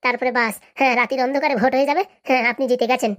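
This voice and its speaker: A woman's voice: high-pitched, steady tone, fairly bright tone, no echo, clean studio sound. A woman voicing a sly, bossy female campaign aide in a cartoon, talking persuasively. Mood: scheming. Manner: fast, persuasive scheming.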